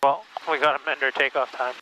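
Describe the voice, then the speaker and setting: A man coaching a student pilot in a calm, matter-of-fact way over a cockpit headset intercom. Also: mid-range voice, brisk. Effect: pilot talking over a cockpit headset intercom. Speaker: flight instructor. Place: small plane cockpit. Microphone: headset mic. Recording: noisy cockpit intercom with engine hum. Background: engine noise.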